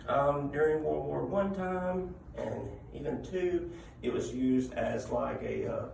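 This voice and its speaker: A man giving an informal talk of ghost stories and local legends, conversational, with dramatic pauses and check-ins with his listeners. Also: mid-range voice, creaky, darkish tone, distant mic. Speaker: public speaker telling local ghost stories. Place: indoor room at a library talk. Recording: echoey room from afar, background noise.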